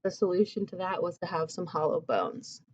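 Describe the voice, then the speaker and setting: A woman teaching anatomy speaks in a fairly low, expressive voice that's a little fast and a little mellow. Her recorded lecture is casual and chatty, loaded with "um" and "like," over slightly dull lo-fi audio.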